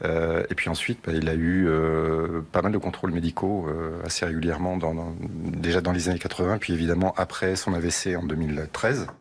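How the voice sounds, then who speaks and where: A man interviewed informally as a journalist, speaking in a hesitant, halting way. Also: deep voice, little pitch movement, breathy edge.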